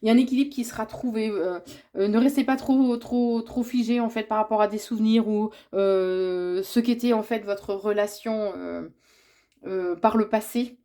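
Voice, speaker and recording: A tarot reader, congested with a cold, gives a year-ahead horoscope in a mellow, mid-range voice with a steady tone at a moderate pace. She is hesitant, full of fillers and restarts, relaying what she claims she is being told as though receiving messages.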